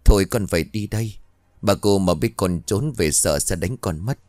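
A man voicing the ghost of a young woman, speaking tearfully and slowly to her mother in a storybook tale. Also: deep voice, a little mellow, dry recording, clean studio sound, close to an everyday voice. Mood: mournful.

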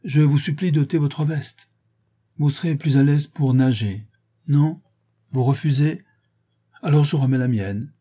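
Lupin, a man reading as the mocking gentleman thief. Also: on the high side, a little slow, long pauses, breathy edge, voice pushed up. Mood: ironic. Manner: teasing, grandiloquent, ironic.

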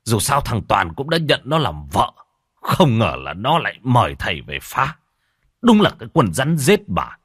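A man's voice: medium pitch, wildly swooping pitch, moderate pace, a bit bright, breathy edge, no echo, clean studio sound, exaggerated voice. Man doing an angry older uncle.

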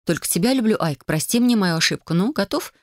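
A woman's voice: mid-range voice, lively intonation, fast talker, dry recording, pitched above the performer's own voice, close to an everyday voice. A sarcastic young wife hurls accusations in a lifted, pointed voice, as a male narrator puts her on. The audiobook recording is dry and close, with no room sound behind it. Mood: sarcastic, accusing. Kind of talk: audiobook character voice.

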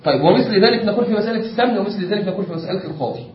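A man's voice: sits high, racing. A man with an Egyptian accent teaching a class on Islamic jurisprudence, explaining step by step and often checking whether the class follows. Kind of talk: classroom lecture. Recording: echoey room, distant lo-fi mic with faint noise.

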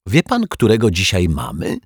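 A man's voice: deep voice, wildly swooping pitch, moderate pace, husky, no echo, studio quality, exaggerated voice. A man voicing an earnest, kind male detective in a children's story, exclaiming. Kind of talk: storybook reading.

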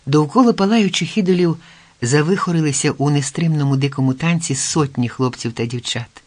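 A man reading a historical folk tale aloud in a measured, expressive storytelling manner. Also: fairly high pitch. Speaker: audiobook narrator. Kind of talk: scripted narration.

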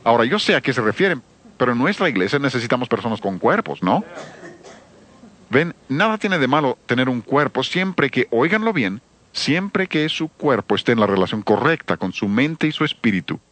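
A man's voice: medium pitch, big pitch swings, normal speed, a bit bright, dry recording. A man giving an emphatic sermon-style seminar talk on church music, addressing listeners with rhetorical questions.

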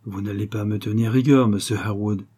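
A man reading the part of a composed young gentleman who speaks frankly and tries to make peace. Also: on the low side, fairly even intonation, brisk, breathy edge. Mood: earnest. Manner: frank and conciliatory.

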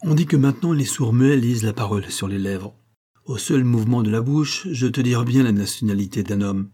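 A man voicing a jovial, theatrical male opera singer who speaks in a lively, expansive and commanding way. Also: medium pitch, fairly quick, natural voice.

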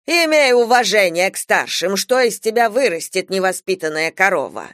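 A woman's voice: mid-range voice, very animated, moderate pace, a bit bright, dry recording, studio quality. Woman doing a stern scolding grandmother. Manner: scolding, insistent. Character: stern superstitious Georgian grandmother, old woman.

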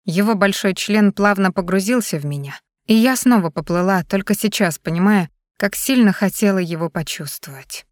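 A woman narrating an erotic novel in the first person, with an unhurried, intimate reading. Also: medium pitch, no room sound, clean studio sound. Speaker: audiobook narrator.

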